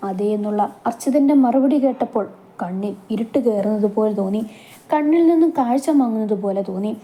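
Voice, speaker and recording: A woman narrates a romantic story with a soft, emotional delivery. Her voice sits a little high, but its tone is very dark and mellow. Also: brisk.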